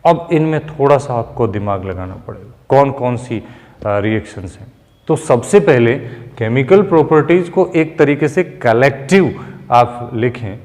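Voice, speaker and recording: A man teaching chemistry in a classroom lecture, explaining slowly and mixing Hindi and English terms. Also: mid-range voice, darkish tone. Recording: long room reverb.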